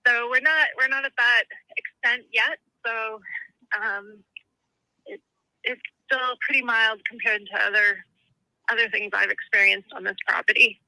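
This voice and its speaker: A woman's voice comes through a speakerphone, very bright and sharp-edged, with a dry, close sound. She calls in to report live and speaks haltingly, often breaking off mid-sentence before picking the thought back up. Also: fairly high pitch, steady tone, no echo, rough recording. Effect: heard over a speakerphone call. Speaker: caller from a storm area.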